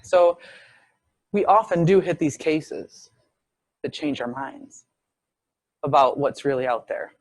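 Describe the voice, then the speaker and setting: Male lecturer, slightly high voice, dry close sound, narrates cases vividly. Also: expressive, takes it slowly, pauses often, no echo. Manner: storytelling, acts out quoted speech. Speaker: visiting professor lecturing. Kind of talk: medical case lecture.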